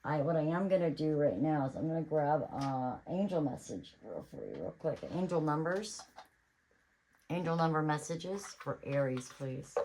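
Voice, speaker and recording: A woman's voice: deep voice, background noise. A woman giving a casual tarot reading on her channel, chatty and reassuring, thinking aloud as she goes. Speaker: tarot reader.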